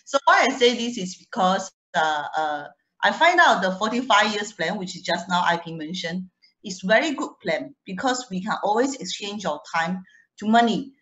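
Giving a personal testimonial as a guest speaker, a chatty young woman with a foreign accent that isn't Singaporean laughs frequently and restarts words. She speaks expressively at a moderate pace in a medium, fairly bright voice, and the recording is rough.

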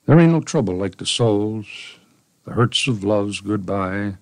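An older man, a street poet, heard on an old 1970s radio interview recording, talking in a halting, folksy way and reading his own poem. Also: on the low side, lively intonation, gravelly, darkish tone, dry recording.

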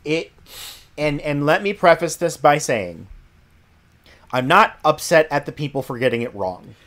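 A man's voice: on the high side, expressive, a little slow, fairly bright tone. A young man in his twenties co-hosting a podcast in casual chat, easygoing and jokey, often chiming in with agreement. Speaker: podcast co-host.

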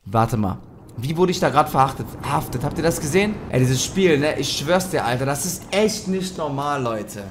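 A gaming YouTuber in his twenties rants and curses while playing and commenting for viewers, with game music loud behind him and background noise. He records in a small room at home on an arm-mounted studio mic with headphones, and his voice is fairly high and animated at a normal speed.

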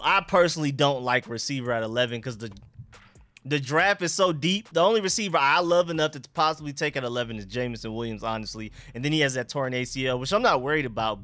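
A man's voice: mid-range voice, fairly bright tone, no room sound. A young man hosting a casual sports livestream in slangy, informal talk, his speech slightly impeded by a dental retainer. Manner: informal, slangy, repeats greetings and catchphrases. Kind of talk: casual livestream chat, greeting viewers.

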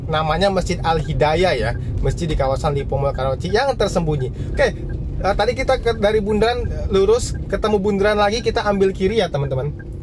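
A man's voice: high voice, lively intonation, fairly quick, noisy background. A man vlogging from a moving car at night, chatting casually and guiding viewers along the road. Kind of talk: casual driving commentary.

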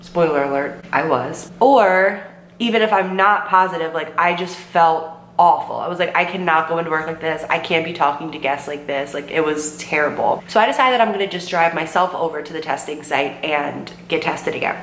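A young woman in her twenties, her voice sitting low at a normal speed, tells a casual storytime vlog while sick, worn and sore in the throat. She is chatty, quotes herself, and fills gaps with "like" and "um." The indoor bedroom with bookshelves sounds roomy with a faint hum, captured by a camera in front at desk distance.

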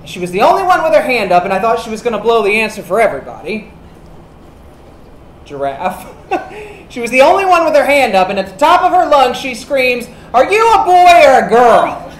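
A giggly, mischievous party worker. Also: female voice, a little high, big pitch swings, brisk, a little hiss or hum. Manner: giggly storyteller. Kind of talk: stage musical acting. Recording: echoey stage.

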